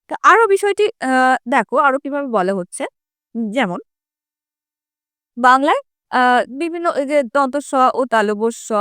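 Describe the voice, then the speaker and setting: High-voiced woman teaching a grammar lesson. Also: a bit bright, no echo, clean studio sound. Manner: explains step by step, asking the students questions. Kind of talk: Bengali grammar lesson for students.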